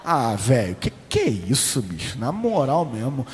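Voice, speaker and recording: A man's voice: medium pitch, wildly swooping pitch, unhurried. A man with a Brazilian Portuguese accent preaching a sermon as pastor, sarcastic and joking, with a lot of slang. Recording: echoey hall.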